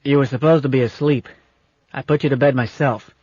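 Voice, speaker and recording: Brief: man voicing a bossy, folksy old skipper, firm and a bit loud, on a dull lo-fi track. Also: medium pitch, fairly even intonation, fairly quick, dry recording, natural voice. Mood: stern, folksy. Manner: gruff, commanding, folksy. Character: gruff, bossy old space captain, affectionate. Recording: dull lo-fi audiobook recording.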